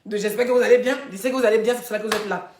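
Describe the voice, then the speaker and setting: A woman, hosting a casual live stream and telling gossip straight to her viewers in a chatty, animated way. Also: mid-range voice, rapid-fire, reverberant, slight background noise. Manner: chatty, animated storytelling, addressing viewers directly.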